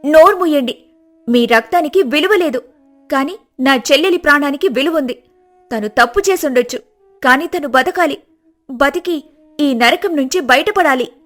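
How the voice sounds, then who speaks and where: A woman's voice: high-pitched, moderate pace, pauses often, voice pushed up. A woman playing a fierce, commanding older sister. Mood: urgent. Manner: forceful, urgent.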